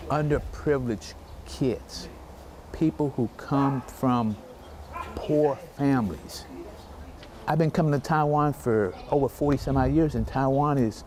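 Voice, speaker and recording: An older retired man being interviewed outdoors, talking in a reflective, halting way with restarts. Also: mid-range voice. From United States. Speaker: retired volunteer English teacher. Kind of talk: documentary interview.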